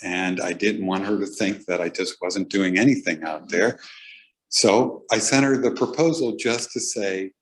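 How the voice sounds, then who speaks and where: A man, the exhibiting artist, speaking casually and hesitantly with many pauses at a gallery event. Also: deep voice, low-quality recording. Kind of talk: casual spoken remarks.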